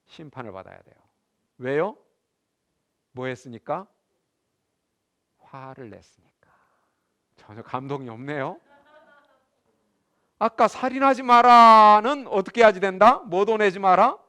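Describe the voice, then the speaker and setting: A man's voice: a little high, unhurried, long pauses. A middle-aged man giving a Bible lecture to a class as a professor, acting out little scenes and putting questions to the room. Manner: animated, acts out scenes and asks the class questions.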